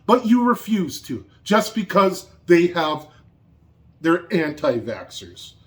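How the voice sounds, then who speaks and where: A man's voice: high voice, very animated, takes it slowly. A man angrily ranting in a vlog, swearing constantly and repeating points for emphasis. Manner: angry, profane, heated. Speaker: vlogger.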